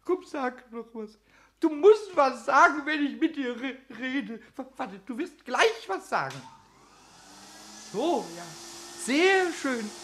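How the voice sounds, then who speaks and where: Pumuckl, quietschiger Kobold. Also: male voice, very animated, takes it slowly, heavily acted. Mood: tipsy, giggly. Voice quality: high squeaky stammering voice, giggly. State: drunk, then hungover. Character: mischievous little male kobold, cheeky and childish. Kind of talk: radio play acting.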